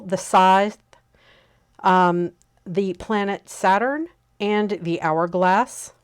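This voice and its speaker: A woman in her fifties hosting a relaxed spoken lesson, unhurried and often pausing to check in with an "okay?". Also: mid-range voice, smooth. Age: 50s. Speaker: host teaching on pagan practice.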